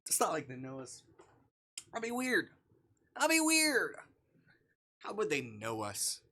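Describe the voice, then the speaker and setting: A man reads a visual novel's text during a laid-back stream, mixing in playful muttered asides. His fairly high, sharp voice swoops wildly in pitch, though his pace stays measured.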